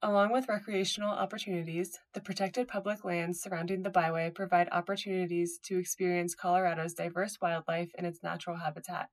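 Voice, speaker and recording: Female narrator, slightly low register, for scripted informational read of a written article. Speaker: narrator reading a blog article aloud.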